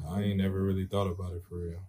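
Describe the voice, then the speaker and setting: Husky, laid-back young man. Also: low-pitched, flat delivery, rapid-fire, warm tone. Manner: laid-back slangy talk. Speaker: co-host. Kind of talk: casual couple chat.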